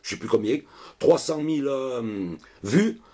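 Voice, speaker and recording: A man tells a meandering story to his viewers in a casual vlog. His voice is husky and sits in an ordinary middle pitch. He rambles, swears freely and keeps tossing in little asides. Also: expressive, unhurried, dark tone. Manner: rambling, chatty, peppered with swearing and "hein". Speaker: vlogger.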